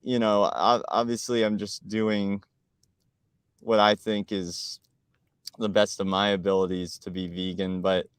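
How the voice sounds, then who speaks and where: A man's voice: lowish voice, level tone, measured pace, smooth, no echo, studio quality. A man co-hosting a live stream, chatting casually, talkative and argumentative, often laughing and restarting his words.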